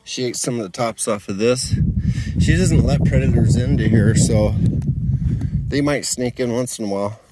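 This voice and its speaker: A home gardener films on his phone outdoors, casually touring his dry desert garden while rambling and thinking aloud. His voice is medium-pitched at a normal speed, with heavy background noise.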